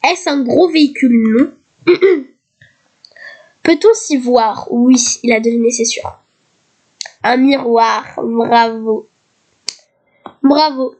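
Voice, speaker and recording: Slightly hoarse high-voiced woman, slow. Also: darkish tone. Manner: reads quiz questions aloud slowly, then answers casually. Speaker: youtuber. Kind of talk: casual gaming commentary.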